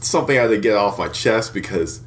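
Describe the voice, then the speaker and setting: Young guy co-hosting a podcast, rambly crude storyteller, lively swooping pitch, faint hiss behind. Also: quick pace. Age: 20s. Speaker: podcast co-host. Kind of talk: casual chat.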